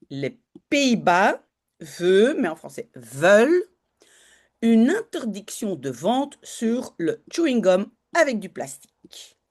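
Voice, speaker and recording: A woman teaching Dutch, talking learners through a news article in a chatty way, with many fillers and self-corrections. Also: mid-range voice.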